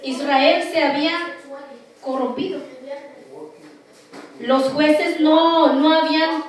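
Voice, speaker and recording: A woman pastor preaching a sermon earnestly, with frequent pauses and fillers, recorded from far off in a very echoey hall. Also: high voice, steady tone.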